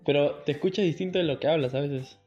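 A man's voice: a little high, fast, a little mellow, highs cut off, faint music behind. A young man, co-hosting a podcast, telling stories in slangy, teasing chat. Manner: slangy, teasing, tells stories with quoted voices. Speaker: podcast co-host. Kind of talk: casual chat.

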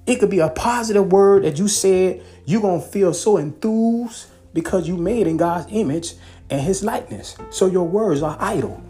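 A man's voice: sits high, moderate pace, mellow, faint music behind. A man preaching a podcast sermon, pleading and repeating himself, stopping often to check his listeners are with him. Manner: repetitive, pleading, peppered with "okay" and "hallelujah".

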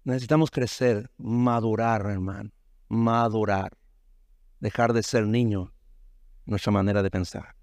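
Pastor preaching in dynamic bursts. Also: male voice, fairly even intonation, unhurried, a little mellow, no echo, clean studio sound. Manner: preaching with sudden rises and drops in pitch, many rhetorical tag questions. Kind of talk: sermon.

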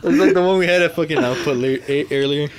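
A man's voice: a little high, fast. A man co-hosting a casual podcast, rambling and swearing as he talks. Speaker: podcast co-host. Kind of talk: casual chat. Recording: faint background noise.

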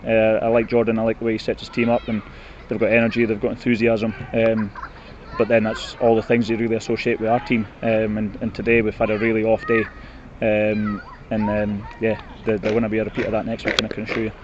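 A Scottish man giving a post-match interview as a football manager, blunt and disappointed, speaking haltingly. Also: fairly low pitch, monotone. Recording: muffled, noisy outdoor recording with traffic.

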